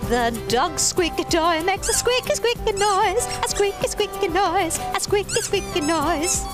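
A sing-song cheerful creature. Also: female voice, extremely high pitch, heavily acted. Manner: sing-song, warmly explaining. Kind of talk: children's TV character acting.

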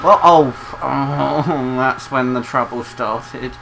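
Brief: let's play host, bright tone, sarcastic and giggly. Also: medium pitch, takes it slowly, gravelly, a little hiss or hum, poor audio. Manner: giggly, sarcastic, keeps laughing mid-sentence. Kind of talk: casual gameplay commentary.

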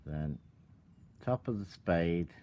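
A man giving a calm, step-by-step tutorial while working with his hands at an outdoor table. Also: low-pitched, takes it slowly, slight background noise. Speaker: product demonstrator.

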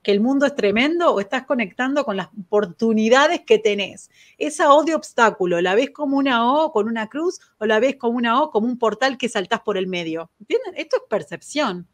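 A woman with a Rioplatense Spanish accent hosting a live-stream talk on spiritual growth. She talks fast and laughs at herself. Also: a little high, expressive. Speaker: host.

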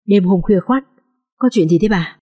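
A woman's voice: medium pitch, moderate pace, dark tone, no echo, lightly acted. A cautious older man next door in an audio story, as a woman reads him. he asks short, worried questions.

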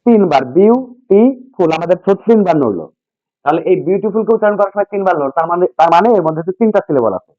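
Very fast and lively in intonation, a man with a high voice teaches English grammar, repeating the essentials and prompting his class with questions. The call-and-response lesson is recorded with no room sound in dull, dry lo-fi.

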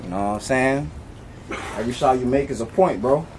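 A man's voice: medium pitch, a little fast, slight background noise. A young American man casually hosting a challenge game outdoors, using slang and teasingly repeating his phrases. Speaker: host of challenge video. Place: outdoors in a home driveway. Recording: loud music behind the voice.

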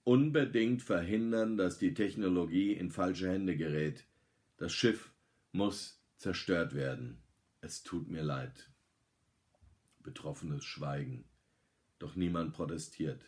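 A middle-aged man reading a story aloud, lively and dramatic, lifting his voice for the characters' lines. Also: deep voice, takes it slowly.

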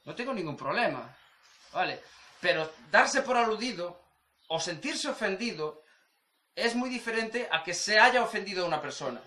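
A man from talks casually to his surf channel, circling back over his points and putting on the voices of the people he quotes. His voice sits high and sounds bright and sharp. The room around him is echoey. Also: expressive, moderate pace. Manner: rambling, repetitive, acts out quoted voices. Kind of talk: casual vlog monologue.

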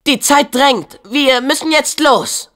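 In a video game dub, a young man voices a plucky, kind-hearted teenage boy hero, fully in character, earnest and spirited with casual youthful phrasing. His very high voice is bright and forceful; he takes it slowly, though the mood is brisk.

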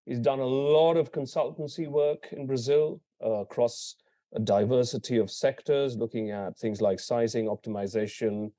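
Male host, mellow tone, reading a speaker intro from notes. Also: mid-range voice, normal speed. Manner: reads partly from notes, with small slips. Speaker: event host.

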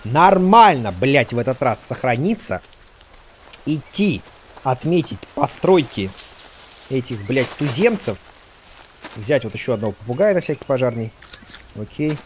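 A man's voice: medium pitch, big pitch swings, a little slow, pauses often, a little hiss or hum. A man commentating his game playthrough, agitated and swearing, with frustrated outbursts. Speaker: let's play host. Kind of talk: gameplay commentary.

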